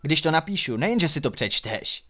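A man's voice: on the high side, sing-song, pushed and bright, exaggerated voice. A man reading as an encouraging young man.

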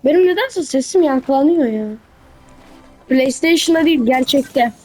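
High-voiced young woman with a cave-like echo. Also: expressive, moderate pace, dark tone, faint music behind. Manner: chatty, talks to a teammate as she plays. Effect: echoing voice, as if in a cave. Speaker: gamer commenting on her own match. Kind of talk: casual let's-play commentary.

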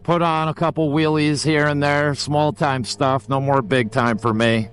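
A man's voice: a little high, fairly even intonation, a little slow, a bit bright, rough recording. A man, giving casual, swearing commentary on a motorcycle ride from a helmet mic. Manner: laid-back, swearing, chatty. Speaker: motovlogger. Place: on a motorcycle on a highway. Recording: wind and engine noise behind.

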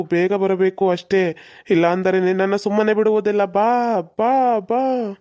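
A performer voicing a stern old male exorcist in a cartoon, speaking in slow formal commands. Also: medium pitch, mellow, clean tone, lightly acted.

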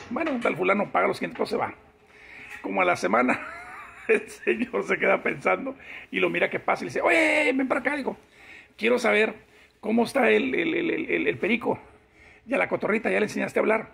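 A man tells a joke in a rough, gravelly voice that sits fairly high. His tone is husky and breathy. He chuckles as he goes and slips into each character's lines himself. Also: fairly quick, a bit bright. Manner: chuckles while telling, plays each character in the dialogue. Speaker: joke teller. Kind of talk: telling a joke.

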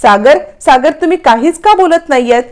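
A woman's voice: sits high, lively intonation, normal speed. A woman narrator voicing a distressed young wife who pleads with her family. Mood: pleading.

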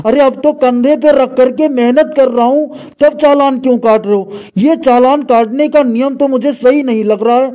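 High-voiced man in squabbling cartoon banter. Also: mellow. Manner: quarrelsome, scolding back-and-forth banter. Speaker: comedy voice artist. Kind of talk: voicing cartoon comedy sketch characters.

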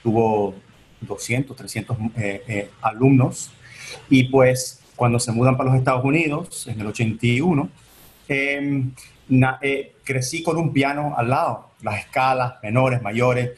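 This guest, an entertainment attorney in his forties who was born in Venezuela and grew up in the US, speaks a little slowly in a mid-range voice. Answering interview questions from his home office on a video call, he's chatty, gestures while talking, and uses lots of fillers and restarts.

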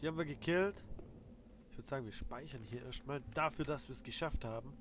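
A man hosts a let's play with casual commentary. His mid-range voice is colloquial as he thinks aloud. Loud video game noise sits behind him. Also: medium pitch, a little fast. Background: video game sounds.

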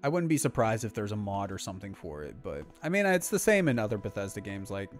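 A man's voice: lowish voice, big pitch swings, fast, faint music behind. A young man casually chatting with his viewers as he streams a game, rambling along with lots of filler words. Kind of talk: casual live-stream chat while playing.

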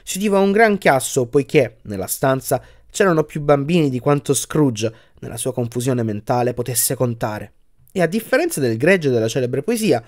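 A man reading an audiobook aloud, narrating in a measured, soft-spoken storytelling manner. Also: medium pitch.

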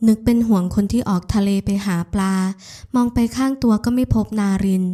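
A woman reading a romance novel aloud in an even, unhurried storytelling voice. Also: a little high. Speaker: audiobook narrator. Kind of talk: scripted narration.

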